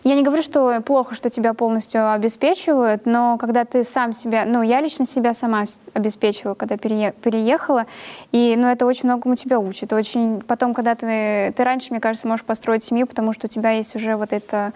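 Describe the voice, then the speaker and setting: A woman's voice: fairly high pitch, fairly even intonation, fast, a little mellow. A young woman guest sharing her views in a casual panel talk, chatty and informal. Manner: chatty, with frequent fillers and restarts. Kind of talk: casual discussion.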